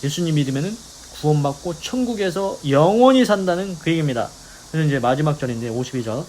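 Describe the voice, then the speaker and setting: A man's voice: a little high, lively intonation, a little mellow, a little hiss or hum, poor audio. Man preaching with rhetorical questions. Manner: explains slowly with rhetorical questions. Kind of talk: devotional Bible meditation.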